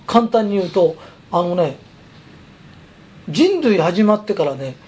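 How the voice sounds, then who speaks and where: A man's voice: high voice, big pitch swings, slow, a little mellow, breathy edge. A man who runs a company, giving a chatty, emphatic motivational talk. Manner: chatty, emphatic, persuasive storytelling. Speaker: company president.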